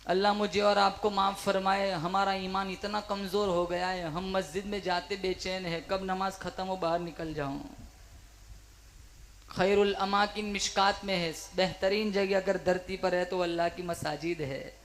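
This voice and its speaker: A fervent male preacher delivering a sermon. His tone is bright and forceful, and he rouses the listeners and calls on them to answer back. His delivery swings between loud exhortation and quieter storytelling. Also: sits high, little pitch movement, unhurried, a little hiss or hum. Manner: fervent, rousing, calls for crowd responses.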